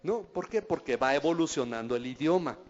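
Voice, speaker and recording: A man's voice: a little high, animated, a little fast. A man, preaching as a pastor in a conversational way and often asking the audience questions. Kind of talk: sermon teaching. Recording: dull recording in a reverberant hall.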